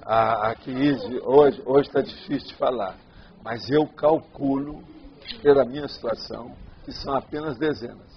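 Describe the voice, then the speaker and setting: A man's voice: medium pitch, moderate pace. A man with a Brazilian Portuguese accent, answering audience questions in a loose, rambling lecture and often checking that he is understood. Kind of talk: informal lecture Q&A. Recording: dull lo-fi sound.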